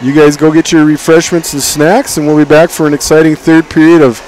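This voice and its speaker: Speaking briskly and flatly in a fairly high voice, a middle-aged man delivers folksy, partisan play-by-play at a hockey game. The recording captures a loud crowd and plenty of ice arena noise.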